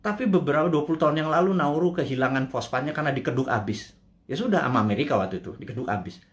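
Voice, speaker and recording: A man's voice: fairly high pitch, racing. A man hosting a live show, delivering a political commentary monologue with impassioned rhetorical questions and colloquial asides. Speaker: host.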